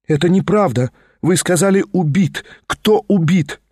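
A man's voice: high voice, measured pace, darkish tone, no echo, studio quality. A man voicing a distraught young noblewoman who pleads anxiously.

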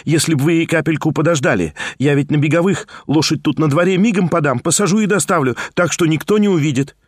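A man reading a novel aloud and voicing a fussy, scheming young man who pleads and coaxes in a rapid, high patter. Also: slightly rough, dry recording, clean studio sound. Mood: coaxing. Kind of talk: audiobook character reading.

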